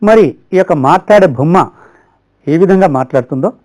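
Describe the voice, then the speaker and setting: A ventriloquist plays the straight man in his own act, patiently questioning his puppet. His fairly high voice rises and falls a lot. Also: expressive, normal speed, a little mellow.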